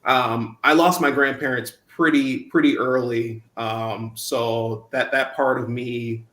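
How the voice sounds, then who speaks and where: A man's voice: medium pitch, fairly even intonation, fairly bright tone. A young man from Minnesota, a guest in an interview, speaking reflectively with frequent restarts and ums. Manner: halting, many restarts and ums. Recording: roomy echo.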